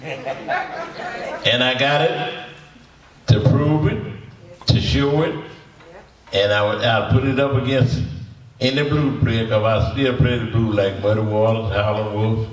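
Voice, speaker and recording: Slow and given to long pauses, a mid-range male voice belongs to a blues musician in his 80s spinning meandering tales for an audience. He chuckles and repeats himself in a folksy storytelling style. It was recorded at a distance in an echoing symposium hall.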